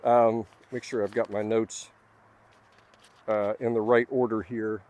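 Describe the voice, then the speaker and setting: A man's voice: lowish voice, level tone, a little slow, a little mellow. A man talking casually from his notes about personal spiritual lessons, earnest and rambling, with fillers and restarts. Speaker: vlogger sharing spiritual lessons. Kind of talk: casual reflective monologue from notes.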